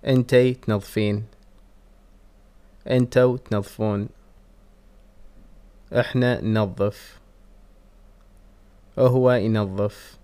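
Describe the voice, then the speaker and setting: A man with a Kuwaiti accent, reading Arabic verb conjugations and English translations slowly and deliberately in a language lesson. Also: lowish voice, mellow, clean tone. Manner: slow, deliberate word-by-word reading. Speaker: Arabic teacher. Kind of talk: reading vocabulary drills.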